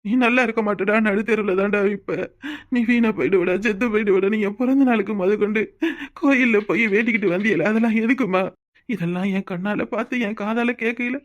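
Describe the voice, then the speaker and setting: A man's voice: sits high, fairly quick, close to an everyday voice. Man voicing a hurt, resentful young son. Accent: southern Tamil Nadu village dialect. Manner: aggrieved, emotional complaining. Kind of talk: cartoon voice acting.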